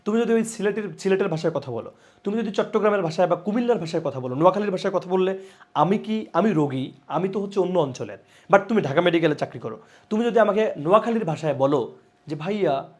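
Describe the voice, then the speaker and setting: A young man teaching a live online exam-prep class, lively, repeating key points and calling out students by name. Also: high-pitched.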